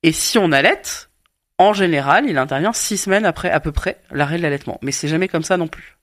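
A woman's voice: sits low, fairly quick. A woman with a French accent giving casual expert advice as a guest, in a blunt, colloquial, familiar way. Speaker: midwife or women's health expert guest.

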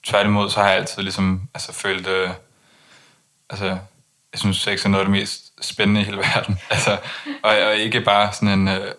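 A young man speaking in a monotone, low-key way with many hesitant restarts, talking candidly as an interview guest. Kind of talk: candid personal conversation.

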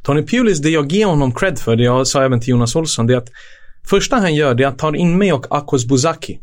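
A middle-aged man, a former footballer, telling casual stories as a podcast guest, acting out quotes and laughing often. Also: a little high. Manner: lively storyteller, acts out quotes, laughs often. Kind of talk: casual anecdotal storytelling.

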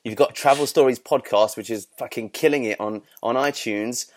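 Laughing, swearing podcast host. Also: male voice, medium pitch, moderate pace. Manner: swears freely, laughs often, stumbles and repeats words. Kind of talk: casual interview chat.

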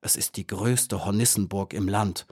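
A pedantic centipede who doubts everything, as a man reads him in a storybook audiobook. His voice is fairly low and only a little lifted. He talks steadily, with fussy care. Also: moderate pace, a little mellow, husky. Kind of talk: audiobook character voice.

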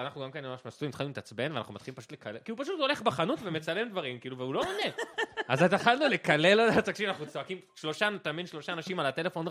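A young man co-hosting a podcast, telling a story in a casual, animated way and laughing often. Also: fairly high pitch. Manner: animated, laughing storyteller, shouting quoted lines. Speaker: podcast co-host.

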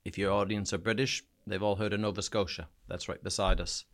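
A soldier back from war, this man from a small New Brunswick town in eastern Canada tells his story as a podcast guest, frankly and haltingly. His Canadian accent carries an Irish-sounding twang, and his fairly low voice is flat in delivery and a bit bright.

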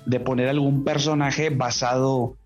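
A man's voice: medium pitch, level tone, measured pace, a little mellow, lo-fi sound, soft background music. A male podcast host, chatting in a chummy, slangy, rambling way. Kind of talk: casual podcast chat.

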